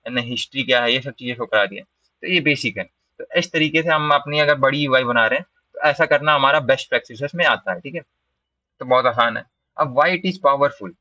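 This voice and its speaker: Bright-voiced man teaching code. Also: mid-range voice, no room sound. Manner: explains step by step, often asks "ठीक है?". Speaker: programming instructor. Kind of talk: screen-recorded coding lecture. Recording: dull, slightly distant dry mic.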